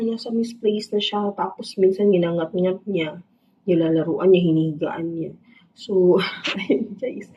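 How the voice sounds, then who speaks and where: A woman vlogger who tells stories about her cats in a chatty, animated way and laughs often. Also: mid-range voice, husky, muffled recording. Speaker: vlogger, cat owner. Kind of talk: casual storytelling.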